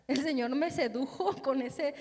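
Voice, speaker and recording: High-voiced fervent woman preacher. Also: measured pace, big-room sound. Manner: fervent, dramatic shifts in loudness. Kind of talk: emotional Easter sermon.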